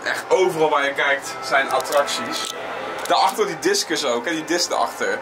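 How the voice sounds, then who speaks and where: Man, fairly high voice, casual vlog chatter, informal, opinionated, outdoors, clear music in background. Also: moderate pace. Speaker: vlogger. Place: outdoors walking around an amusement park.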